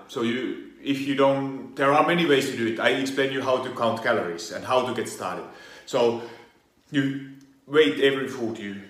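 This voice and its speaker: Man, Finnish accent, fitness coach, halting speech with restarts, echoey room. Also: medium pitch, a bit bright. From Finland. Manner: halting, many fillers and restarts. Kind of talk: explainer monologue.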